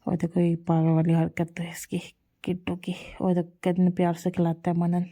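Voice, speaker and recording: A woman's voice: lowish voice, completely flat delivery, a little fast, mellow. A woman vlogger and mother chatting doting, rambling voice-over narration about her children's antics. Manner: chatty, doting, repeats herself as she narrates family clips. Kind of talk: casual vlog voice-over narration.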